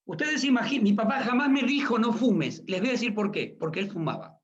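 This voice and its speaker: A man's voice: sits high, expressive, fast, fairly bright tone. A middle-aged man preaching a sermon as pastor, emphatic and asking the congregation questions. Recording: dull lo-fi recording.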